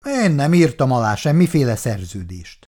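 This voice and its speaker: Guy doing a gruff mocking young tenant, loud and pushy, lively pitch. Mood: hostile. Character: rude, sneering younger man, quarrelsome tenant. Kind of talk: audiobook reading of a novel.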